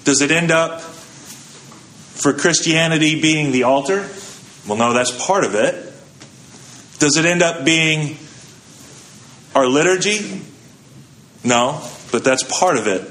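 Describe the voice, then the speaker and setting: A man's voice: a little high, takes it slowly, long pauses, a bit bright. Man preaching a conversational sermon. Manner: conversational preaching with rhetorical questions. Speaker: pastor.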